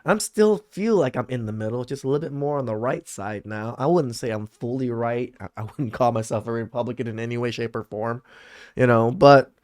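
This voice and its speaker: A man hosting a podcast, reacting to clips in a measured, easygoing way and thinking aloud. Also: medium pitch, a little mellow. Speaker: podcast host. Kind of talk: casual reaction commentary.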